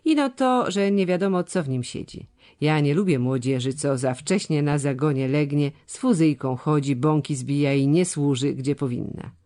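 A reader voicing an old treasurer who lisps and stammers, a sharp, scornful critic in an audiobook. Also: mid-range voice, normal speed, lightly acted. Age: older. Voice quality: lisping, stammering. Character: old male treasurer, sharp-tongued and grumbling. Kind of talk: audiobook character voice.

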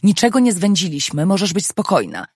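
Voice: mid-range voice, sing-song, slightly rough, dry recording, studio quality. An audiobook reader voicing an earnest, slightly defensive young man who explains things hurriedly. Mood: explaining. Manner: hurried, eager. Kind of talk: audiobook dialogue.

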